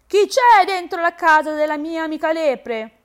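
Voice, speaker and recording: A woman's voice: a little high, huge pitch swings, moderate pace. A woman doing a bold, curious little frog.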